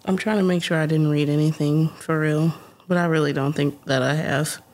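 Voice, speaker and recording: A woman's voice: low voice, fairly even intonation, moderate pace, a little mellow. A young adult woman co-hosting a podcast in casual, teasing chat, laughing often. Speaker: podcast co-host.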